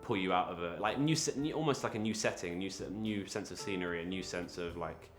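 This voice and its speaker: A young man talking in a casual, reflective interview, halting often with fillers and restarts. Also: deep voice, soft background music. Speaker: creative interviewee.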